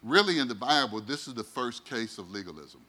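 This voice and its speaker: Man preaching with bright, sharp tone. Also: mid-range voice, expressive. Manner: swings from loud preaching to hushed, slow, dramatic delivery. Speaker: pastor. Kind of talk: sermon.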